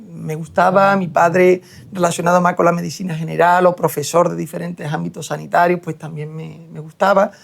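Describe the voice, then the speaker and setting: This high, gravelly male voice belongs to a young hair transplant surgeon from Seville, Spain. He's a guest in an interview conversation, talking reflectively and hesitating often.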